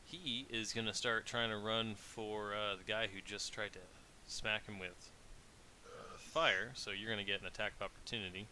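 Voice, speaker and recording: A man narrating as dungeon master in a tabletop game, talking in a relaxed, rambling way with many fillers. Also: fairly low pitch, normal speed. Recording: faint hiss.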